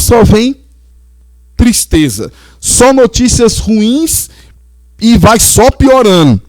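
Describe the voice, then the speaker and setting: A male pastor delivers a sermon in a fairly high voice that builds emphasis as he preaches. He reads scripture slowly and deliberately. The sound is dry and close, with no room around it. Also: darkish tone, no room sound.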